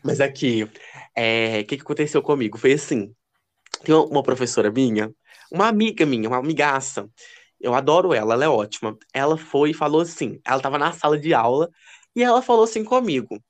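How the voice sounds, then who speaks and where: A man co-hosting a podcast, telling gossipy stories in a casual, animated way. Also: brisk. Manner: expressive, lively pitch. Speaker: podcast co-host. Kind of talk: casual chat.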